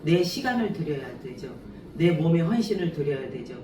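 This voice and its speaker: A woman preaching at a church revival, telling personal stories with lively acted-out voices and frequent laughter. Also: low-pitched, moderate pace, background noise. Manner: animated, acts out quoted voices, laughs often. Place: church sanctuary. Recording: echoey church hall, mic at a distance.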